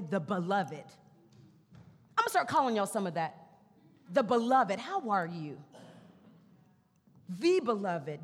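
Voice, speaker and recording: A woman pastor preaching a sermon, stretching out key words for emphasis and tossing casual asides to the congregation. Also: fairly high pitch. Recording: long reverb of a sanctuary.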